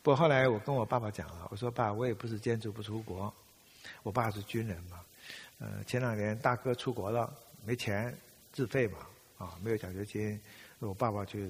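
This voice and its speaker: A man, telling a personal story in a church talk and acting out family dialogue with a husky voice. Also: fairly low pitch, brisk. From Taiwan. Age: 70s. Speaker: speaker giving a testimony. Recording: long reverb of a large hall.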